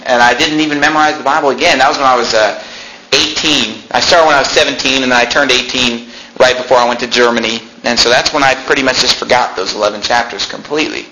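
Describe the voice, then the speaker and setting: The speaker is a man in his twenties with a mid-range voice, a steady tone and a quick pace. He tells a congregation a personal story in a chatty, casual manner, repeating himself and turning to the audience with asides. The recording echoes slightly and carries faint noise.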